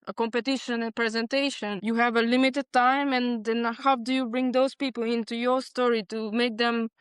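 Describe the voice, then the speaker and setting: Woman, Hungarian native from Transylvania, reflective guest talk, smooth voice, dry close sound. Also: a little high, flat delivery, normal speed, no echo. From Transylvania, Romania. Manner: earnest, reflective, non-native phrasing. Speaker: podcast guest, bar consultant. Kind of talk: casual interview chat.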